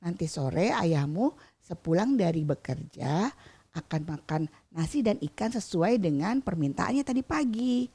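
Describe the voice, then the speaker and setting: A woman putting on a patient, sorrowful mother from a folk legend, her voice dropping low and soft, with a slight gravelly grain. she speaks kindly and without haste. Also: lively intonation, unhurried, exaggerated voice. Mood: soothing. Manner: soft, apologetic. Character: gentle sad mother.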